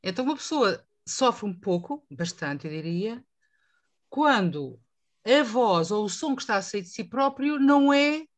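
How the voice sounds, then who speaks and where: Woman voice teacher from Portugal with a European Portuguese accent, moderating a panel. Expressive, questions the group, sits a little high. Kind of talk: panel discussion.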